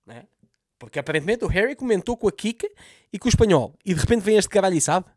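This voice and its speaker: A man's voice: high voice, animated, rapid-fire, no room sound, clean studio sound. A man with a Lisbon Portuguese accent doing a comedic recap of a TV series, sarcastic and full of swearing. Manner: sarcastic, swears a lot, mocks the scenes.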